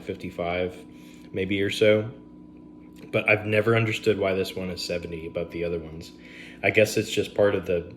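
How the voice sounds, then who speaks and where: A man's voice: low-pitched, slight background noise. A man, casually reviewing bourbons on camera at home, rambling with fillers and asides.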